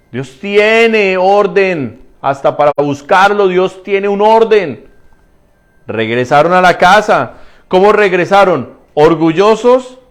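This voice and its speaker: A man preaching a sermon as pastor, asking rhetorical questions and answering them himself, repeating phrases for emphasis and speaking straight to the congregation. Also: high voice. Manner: addresses the congregation directly.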